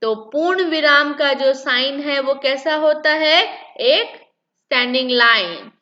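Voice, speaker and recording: A woman's voice: high voice, slow pace, bright, forceful tone, dull audio. A woman teaching a lesson to children, repeating key points and asking then answering her own questions. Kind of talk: classroom-style lesson for children.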